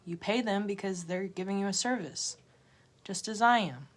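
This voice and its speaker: A woman tarot reader giving an emotional motivational pep talk to viewers on a livestream, repeating herself and swinging between loud urging and a hushed near-whisper. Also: medium pitch, normal speed. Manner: repetitive, direct address to viewers.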